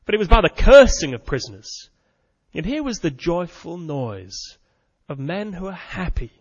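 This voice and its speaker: A man's voice: high voice, sing-song, moderate pace, husky. A man preaching a sermon with earnest, dramatic storytelling. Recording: muffled sound with long hall reverb.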